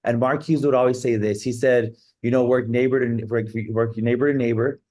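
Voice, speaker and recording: A man's voice: mid-range voice, steady tone, brisk, mellow. Man hyping up an online guest. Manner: keeps saying "guys" and "right?". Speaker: host. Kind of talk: hype introduction. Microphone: video call.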